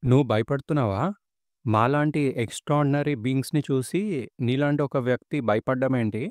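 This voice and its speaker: A man voicing a lofty god-like man who speaks in a low, measured, condescending way. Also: darkish tone, no echo, studio quality, lightly acted. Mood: superior.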